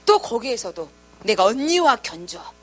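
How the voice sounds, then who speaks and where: A woman's voice: on the high side, big pitch swings, moderate pace, a bit bright. A woman pastor preaching to a youth group, telling a story with acted quotes and questions to her listeners. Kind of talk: sermon to teenagers.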